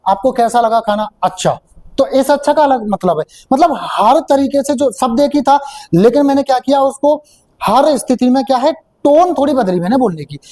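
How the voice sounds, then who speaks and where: A man's voice: very high voice, warm tone, rough recording. A man coaching students for an interview, explaining step by step and checking in often. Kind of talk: classroom coaching talk.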